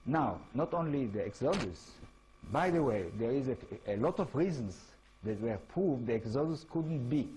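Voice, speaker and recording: A man's voice: medium pitch, expressive, normal speed, mellow, slight background noise, low-quality recording. A man from Israel, speaking English with an Israeli accent, gives an informal lecture as an author and keeps asking his audience rhetorical questions. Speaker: author giving a talk.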